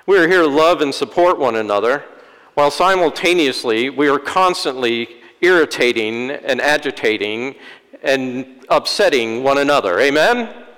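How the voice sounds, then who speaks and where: A priest delivering a sermon in a church, with wry, self-deprecating humor. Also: male voice, mid-range voice, animated, moderate pace, fairly bright tone, clean tone. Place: church sanctuary. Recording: long church-hall reverb.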